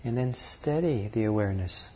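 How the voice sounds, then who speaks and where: A man leading a guided meditation, calm and unhurried, speaking in short phrases with long pauses between them. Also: lowish voice, slight background noise. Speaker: meditation teacher.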